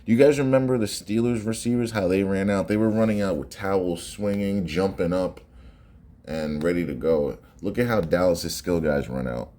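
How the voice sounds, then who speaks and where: Very deep-voiced man giving casual commentary. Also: normal speed, dark tone. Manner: conversational, repeats phrases for emphasis. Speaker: sports reaction commentator.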